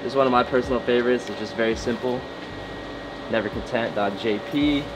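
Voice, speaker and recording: A man's voice: medium pitch, brisk, noisy background. A young man hosting a casual vlog, joking and laughing as he shows things around a warehouse. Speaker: vlog host. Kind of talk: casual tour chat. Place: indoor warehouse.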